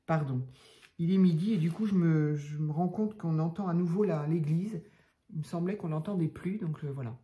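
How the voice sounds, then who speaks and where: An older woman casually showing craft tags to her viewers, talking softly and chattily with many hesitations. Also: low-pitched, normal speed, highs cut off. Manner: chatty, soft-spoken, hesitant with fillers. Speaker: craft channel host.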